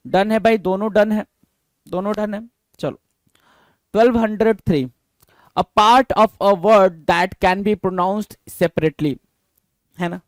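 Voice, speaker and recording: A man's voice: fairly high pitch, no echo, clean studio sound. A man teaching a vocabulary lesson for exam prep, quizzing students and spelling words out letter by letter. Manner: reads English definitions slowly.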